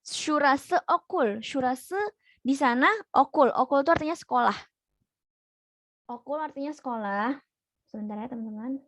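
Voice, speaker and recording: A young woman teaching an online language class, patiently repeating each point slowly. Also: high-pitched, dry recording, studio quality.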